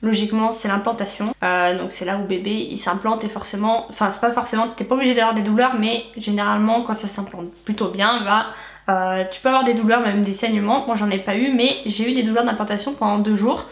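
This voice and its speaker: A woman's voice: mid-range voice, steady tone, fairly quick. A young woman chatting casually to viewers in a storytime vlog, with a stuffy, nasal voice and a lisp from wearing retainers. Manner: chatty, candid, slangy asides. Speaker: vlogger. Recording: echoey room.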